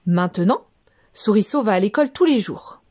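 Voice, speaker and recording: A woman storyteller reading a children's story aloud in a gentle, measured way. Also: medium pitch, animated, dry recording, clean studio sound.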